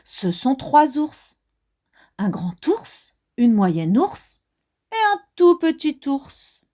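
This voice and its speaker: A woman reads a picture book aloud to young children, slow and carefully paced. Her voice sits high and swings through wide, lively melody. She talks softly and gently, as if to a child beside her. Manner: slow, expressive, sing-song reading. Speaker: children's storyteller. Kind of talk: read-aloud storytelling for children.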